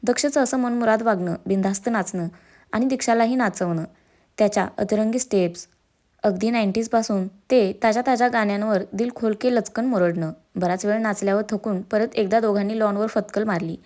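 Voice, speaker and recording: A woman reading a romantic story aloud as a channel storyteller, in an even, smooth manner. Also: mid-range voice, brisk. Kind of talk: scripted story narration.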